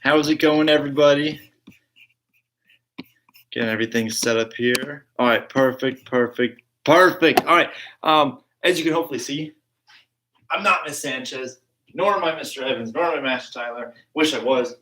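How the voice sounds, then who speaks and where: A man's voice: mid-range voice, moderate pace, pauses often, a bit bright, a little hiss or hum. A young man teaching a martial arts class over a live stream from his home basement, talking casually with lots of ums. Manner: casual, chatty, many ums. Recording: echoey room, far from the mic.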